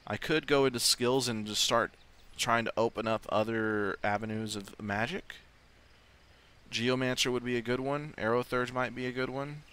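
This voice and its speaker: A man's voice: mid-range voice, fairly even intonation, moderate pace, a bit bright, clear, resonant tone. A man giving casual let's-play commentary, thinking aloud and swearing offhandedly. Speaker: gaming video host. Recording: faint game sound behind voice. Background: video game ambience.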